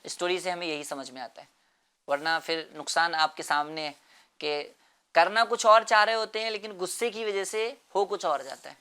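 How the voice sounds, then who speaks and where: A man's voice: high voice, bright, forceful tone, clear, resonant tone. A man explaining a moral lesson to children in an earnest way, repeating phrases and often checking with "right?".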